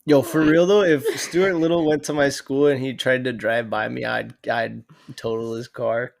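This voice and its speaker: A man co-hosting a comedy podcast, delivering deadpan mock announcements. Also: mid-range voice, normal speed, creaky. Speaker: podcast co-host. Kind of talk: casual comedic chat.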